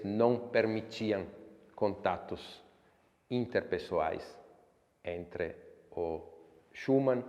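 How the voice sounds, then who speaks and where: A man with a lowish voice delivers a scripted music history lecture, his phrases falling away at the ends. The sound is dull and lo-fi, with a long reverb trailing behind him. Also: darkish tone. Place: room at home for an online class.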